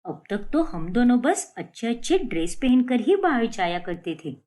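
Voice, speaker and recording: A woman's voice: on the high side, very animated, moderate pace, mellow. A woman voicing an eager young daughter-in-law who plays the loyal sister in a cartoon story. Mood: plotting.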